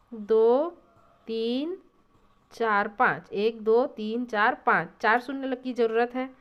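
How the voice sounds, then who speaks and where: Woman schoolteacher, patient step-by-step lesson, slightly high pitch, muffled lo-fi sound. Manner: counts digits aloud, checks in with "thik hai". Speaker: math teacher. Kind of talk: classroom math lesson. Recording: dull lo-fi recording.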